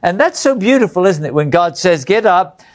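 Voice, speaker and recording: An English man hosts a Bible study show, cheerfully reading letters from viewers and laughing softly between remarks. His voice sits high and sounds expressive, at a moderate pace.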